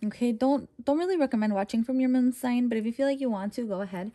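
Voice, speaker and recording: Young woman chatting thru a tarot reading, mellow warm voice, loose and reassuring, lots of ums. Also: on the high side, quick pace. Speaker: tarot reader. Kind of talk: casual tarot reading to camera.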